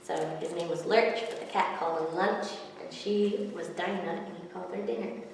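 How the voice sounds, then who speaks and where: A children's librarian in her thirties leads story time, reading picture books expressively to young children and tossing in casual asides. Her voice is lowish and gravelly at a normal speed. She's indoors in front of a forest backdrop, recorded from a distance in an echoey room with faint noise.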